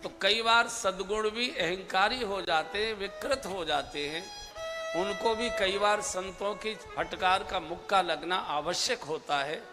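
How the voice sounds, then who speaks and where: A male preacher with a high voice delivers a slow devotional discourse, stretching out his key phrases for emphasis. His voice rings through a large hall with a long reverb tail, and soft violin music plays behind him. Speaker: spiritual preacher.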